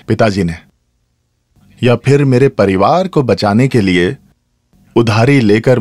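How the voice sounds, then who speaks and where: A man's voice: on the low side, darkish tone, dry recording, clean studio sound, natural voice. A man voicing a departing emigrant, teasing. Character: man in his forties leaving home to work abroad. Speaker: dubbing actor. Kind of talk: Hindi film dubbing.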